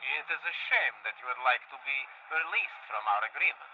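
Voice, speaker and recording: A man's voice: medium pitch, expressive. Menacing Russian man on muffled voicemail. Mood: quietly menacing. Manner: formal, measured, veiled menace. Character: Medovsky, menacing Russian businessman leaving a voicemail. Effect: answering machine filter. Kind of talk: video game voice acting. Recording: muffled phone message, noisy airport behind.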